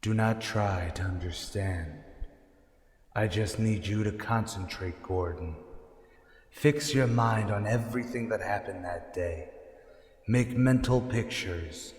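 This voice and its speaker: The Shadow, slow and cavernous. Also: male voice, on the low side, a little mellow. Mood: commanding. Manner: slow, menacing, theatrical. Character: mysterious invisible male avenger lurking in shadows. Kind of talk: old-time radio drama acting. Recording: echoey, long cavernous reverb.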